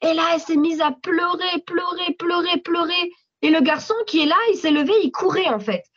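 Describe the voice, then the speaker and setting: A woman with a French accent giving a spontaneous spoken testimony at a church meeting, animated storytelling with frequent restarts. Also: extremely high pitch, normal speed. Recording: slightly dull audio recording.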